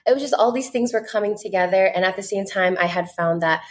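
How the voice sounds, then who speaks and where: A content creator in her 20s from the United States chats as a podcast guest in a casual interview. She's earnest and fills her speech with lots of "like," talking at a quick pace in a medium-pitched voice.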